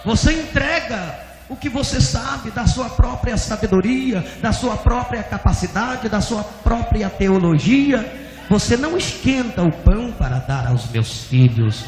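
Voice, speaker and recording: Casual: preacher doing god's voice scolding a pastor, slow and heavy, lots of echo. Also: male voice, sits high, expressive, music in the background, pitched above the performer's own voice. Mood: stern. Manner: slow, solemn, emphatic rebuke. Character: stern voice of God rebuking a pastor. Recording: echoey hall, faint noise.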